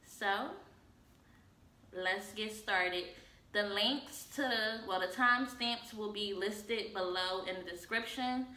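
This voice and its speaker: Sleepy woman doing a tarot reading, slangy and chatty, bright voice, roomy echo. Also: medium pitch, slow. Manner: chatty, slangy, addresses viewers as y'all. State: tired, up late. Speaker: tarot reader. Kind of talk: casual pick-a-pile tarot reading. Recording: echoey room, faint ambience.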